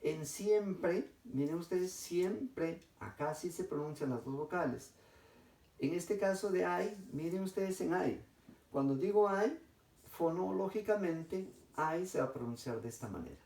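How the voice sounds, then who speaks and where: A man's voice: fairly high pitch, animated, gravelly, a little mellow. Methodical man teaching in an echoey room. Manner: methodical, addresses class, dictates slowly syllable by syllable. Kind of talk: grammar lesson. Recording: echoey room, distant mic.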